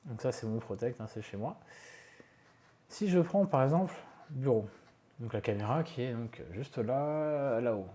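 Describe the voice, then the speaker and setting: A tech video creator with a mid-range, dark-toned voice narrates a casual screen-recorded tutorial from his home office. He's chatty and pokes fun at himself, filling his talk with fillers and asides.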